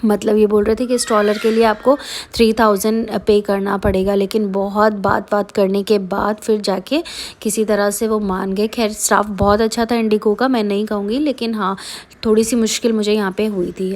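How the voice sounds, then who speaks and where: A woman's voice: medium pitch, flat delivery, moderate pace, a little mellow. A woman narrating a casual travel vlog as a mother, talking in a chatty way with many fillers and English words mixed in. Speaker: vlogger mother.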